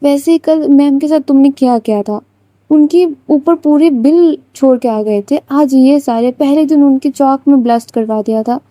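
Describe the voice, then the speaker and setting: A woman's voice: high-pitched, moderate pace, dark tone, no room sound, close to an everyday voice. A woman voicing a young female student who pleads with her friends. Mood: pleading.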